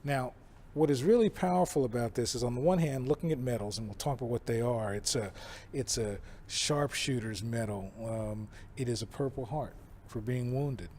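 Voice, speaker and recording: A man's voice: mid-range voice, moderate pace, darkish tone, slight background noise. A man explaining a historical collection as a presenter, emphatically pointing out what matters. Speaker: museum presenter.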